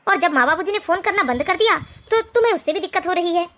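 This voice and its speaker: A weary husband from an animated family drama, as a woman plays him, reasoning and exasperated. The lowered voice still sits high and bright. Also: quick pace.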